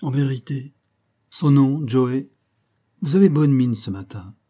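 Un homme qui prête sa voix à un vieux recteur nasillard, vif et bourru, dans un livre audio. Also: male voice, mid-range voice, unhurried, mellow, natural voice. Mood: brusque. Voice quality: nasal. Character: older male rector, brisk and gruff.

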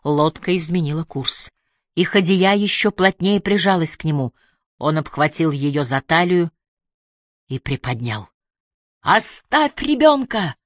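A woman narrating an audiobook with a measured, dramatic reading. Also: low voice, no echo, clean studio sound. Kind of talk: scripted narration.

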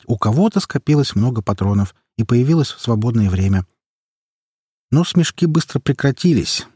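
A man's voice: medium pitch, warm tone, slightly rough, dry recording, clean studio sound. A man narrating an action story audiobook in the first person, telling it dramatically.

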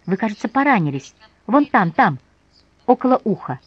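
A woman voicing a chatty, tearful young noblewoman with a whiny, squeaky voice. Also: big pitch swings, normal speed, slightly rough, dry recording, lo-fi sound. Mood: fussy.

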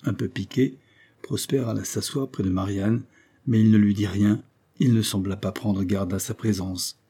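Male audiobook reader, low husky voice, measured storytelling pace. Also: fairly even intonation, mellow. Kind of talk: reading a classic novel.

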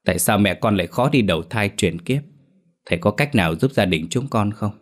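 A man's voice: lowish voice, lively intonation, fairly quick. A man voicing an anxious, fawning middle-aged son who bows and scrapes before a shaman. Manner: obsequious, then snapping. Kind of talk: storybook character voice.

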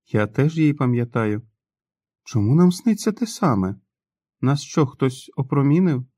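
A man's voice: medium pitch, expressive, unhurried, mellow, dry recording, clean studio sound, voice pushed up. Guy doing a jittery young woman, stumbles over her words a bit. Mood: uneasy. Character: uneasy young woman telling a dream.

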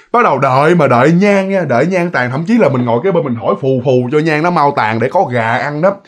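A man telling a ghost story in a chatty style, talking straight to his listeners. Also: fairly high pitch. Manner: chatty, addresses listeners directly, lively. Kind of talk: casual spoken storytelling.

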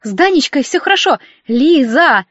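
A woman's voice: big pitch swings, moderate pace, fairly bright tone, dry recording. A woman voicing an anxious young woman, the heroine's sister, who speaks urgently and pleads, in an audiobook reading. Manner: urgent, pleading, high-strung. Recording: dry, dull lo-fi audio.

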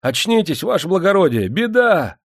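A man voicing a frightened young male sergeant who shouts his warnings with trembling urgency. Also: high voice, big pitch swings, normal speed, dry recording, studio quality, voice pushed up, exaggerated voice. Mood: alarmed.

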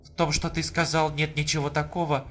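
A man's voice: a little high, level tone, fairly quick, a bit bright, soft background music, pitched above the performer's own voice, natural voice. A man voicing an anxious, pleading woman. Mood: urgent. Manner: pleading, insistent, rising in alarm. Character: distressed determined adult woman. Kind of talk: audiobook reading.

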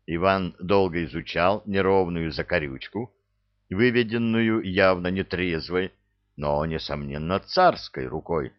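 A man narrating a story in a measured, expressive way. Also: low-pitched, muffled recording. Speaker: audiobook narrator.

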